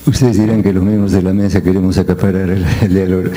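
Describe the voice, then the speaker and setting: A man speaking as a panelist at an academic conference, measured and reflective, pausing often on fillers. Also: low-pitched, flat delivery, warm tone.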